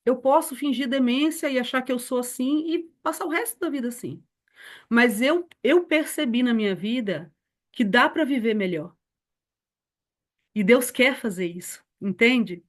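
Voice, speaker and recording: Missionary woman in her forties teaching a church lesson, earnest personal testimony, slightly high voice. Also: expressive, normal speed. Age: 40s. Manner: earnest, storytelling, addresses listeners as beloved.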